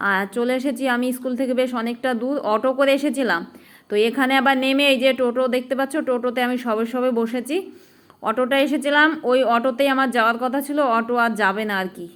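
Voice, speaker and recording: A woman's voice: on the high side, a bit bright. A woman vlogging in casual chat, talking to viewers as she travels on buses and walks through town. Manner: chatty, addresses viewers directly. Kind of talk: casual vlog narration. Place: outdoors on buses and streets, then at home.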